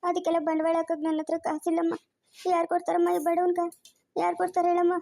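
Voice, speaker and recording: A woman's voice: extremely high pitch, monotone, quick pace, vocal fry, dark tone. A woman voicing a poor, middle-aged male farm laborer who pleads and cries in a cartoon story. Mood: resigned. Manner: pleading, self-pitying. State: crying. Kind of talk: cartoon voice acting.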